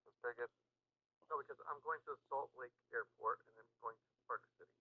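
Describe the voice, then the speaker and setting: A man's voice: medium pitch, brisk, husky, no room sound, phone-quality sound. A man chatting casually with friends while gaming, teasing them and swearing. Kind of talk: casual chat.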